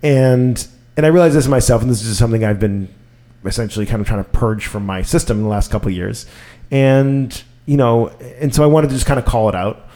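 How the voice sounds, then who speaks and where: A man in his thirties, a podcast host chatting casually and telling stories in a rambling, animated way with lots of fillers. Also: medium pitch, brisk. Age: 30s.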